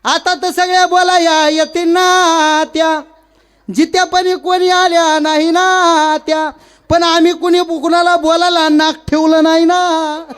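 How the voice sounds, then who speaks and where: A man voicing a village daughter mourning her mother in a drawn-out, sung lament. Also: very high voice, flat delivery, a bit bright, pitched above the performer's own voice. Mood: sing-song wailing.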